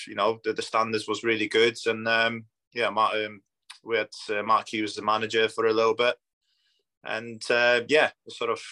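Speaking in a laid-back interview about his life as a footballer, a man in his thirties from Poland keeps things plain and chatty. He has a fairly deep, forceful voice that barely rises or falls. Polish is his native language, and his accent combines it with Scandinavian and northwest English influences.

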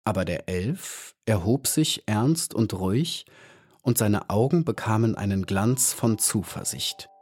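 A man reading a children's audiobook in a measured storytelling manner. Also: lowish voice, expressive, a little mellow, slightly rough. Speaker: audiobook narrator.

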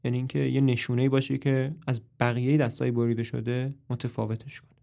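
A man voicing a calm, menacing older captor who speaks quietly and slowly. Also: medium pitch, vocal fry, lightly acted.

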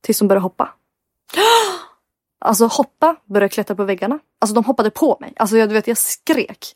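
Young woman telling an animated story. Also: mid-range voice, dry recording, clean studio sound. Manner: animated storytelling, heavy filler words, acts out quotes. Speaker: podcast co-host. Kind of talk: casual podcast chat.

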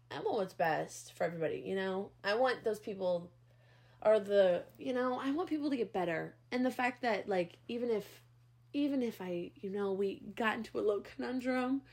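A woman's voice: medium pitch, moderate pace. A young woman co-hosting a podcast, chatting casually in a giggly, rambling way. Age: young adult. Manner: giggly, rambling, animated storytelling. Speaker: podcast co-host. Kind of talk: casual chat.

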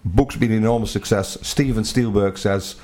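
A man's voice: fairly low pitch, steady tone, normal speed, a little mellow. A man co-hosting a podcast, asking playful what-if questions in casual chat. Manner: asks playful hypothetical questions. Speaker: podcast co-host.

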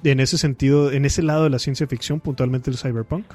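A man's voice: medium pitch, steady tone, a little fast, dark tone, faint music behind. A man, a podcast guest and author, talking casually with slang and many fillers.

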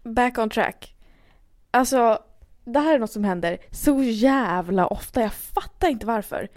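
Animated young woman telling a story. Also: fairly high pitch. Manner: animated storytelling, swearing casually. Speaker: podcast co-host. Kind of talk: casual chat, anecdote telling.

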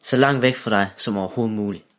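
A man's voice: lowish voice, pitched below the performer's own voice, lightly acted. A man doing a sullen grumbling boy. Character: grumpy boy on the edge of his teens. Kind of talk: storybook narration.

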